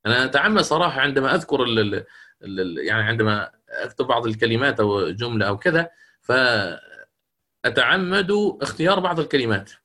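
A man's voice: mid-range voice, expressive, sharp tone. Man teaching Quran recitation rules. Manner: explanatory, repeats key phrases, chants verse examples slowly. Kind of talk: lecture on Quranic readings.

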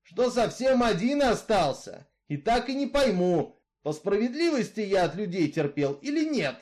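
A man's voice: high-pitched, big pitch swings, normal speed, a little mellow, pitched above the performer's own voice. Man doing a bitter brooding outlaw. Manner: rough folksy drawl, brooding, growling at times. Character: brooding bitter male killer, middle-aged outcast.

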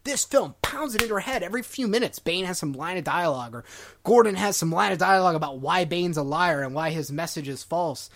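A man hosting a film podcast, talking in a quick, exasperated and sarcastic way. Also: high-pitched, vocal fry, fairly bright tone, a little hiss or hum. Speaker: podcast host. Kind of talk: casual film discussion.

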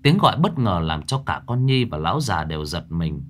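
Man with lively horror narration. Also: deep voice, a little fast. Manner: dramatic, lively storytelling. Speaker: storyteller.

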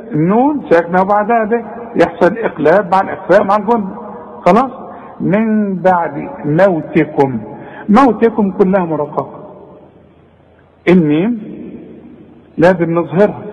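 A man with an Egyptian Arabic accent teaching tajweed, drawing out words slowly to demonstrate and chiding the student. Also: high voice, darkish tone, long reverb tail, lo-fi sound. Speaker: Quran recitation teacher. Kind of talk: tajweed lesson.

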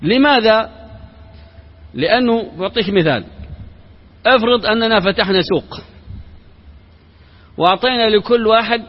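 A man's voice: high voice, normal speed, long pauses. A man, an Islamic sheikh, giving a religious lecture built on rhetorical questions and parables, mixing formal speech with everyday colloquial words. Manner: mixes formal Arabic with colloquial. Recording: reverberant hall, dull lo-fi sound.

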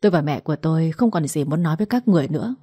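A woman voicing a devoted young daughter who speaks softly and comfortingly. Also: low-pitched, expressive, racing, breathy edge. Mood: firm. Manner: soft, comforting.

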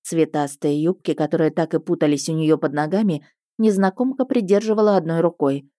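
A woman narrating an audiobook in the first person, expressive and wry. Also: sits low, a little fast, no echo, studio quality.

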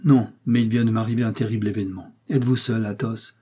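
A man's voice: fairly low pitch, steady tone, fast talker, mellow, husky. A man voicing an agitated, earnest young swordsman in a read-aloud novel, speaking urgently and emphatically.

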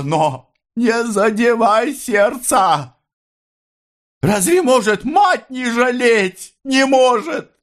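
A man voicing an anxious, tender older working-class mother who pleads in a high, tearful, drawn-out voice. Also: fairly bright tone, heavily acted.

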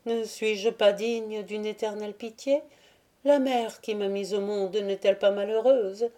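A grieving young noblewoman lamenting her fate in a soft, mellow, mournful voice, read by a woman. An audiobook performance with a hushed, sorrowful tone. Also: medium pitch, unhurried, close to an everyday voice.

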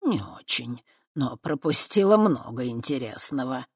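A calm, wry old wizard who speaks low and unhurried, as an audiobook reader puts him on. Each word is measured, in a dry, close recording. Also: breathy edge, no room sound, heavily acted. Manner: slow, low, measured speech. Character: elderly male mentor wizard, calm and wry. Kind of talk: audiobook character voice.

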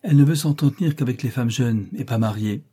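Give me a man playing a hesitant household servant, deferential and a little husky. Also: medium pitch, fairly quick, warm tone, voice pushed up, natural voice.

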